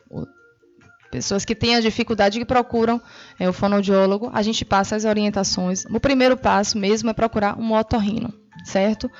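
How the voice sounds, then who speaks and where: Didactic woman speech therapist, lo-fi audio. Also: mid-range voice. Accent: Brazilian Portuguese. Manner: clear, didactic, reassuring. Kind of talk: explanatory interview answers. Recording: dull lo-fi broadcast audio.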